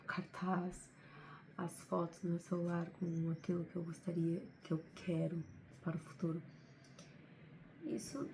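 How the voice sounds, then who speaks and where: A woman's voice: lowish voice, mellow, slight background noise, poor audio. A woman with a Brazilian Portuguese accent, talking to camera in an unscripted, heartfelt motivational vlog, often adding little tag questions. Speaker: vlogger.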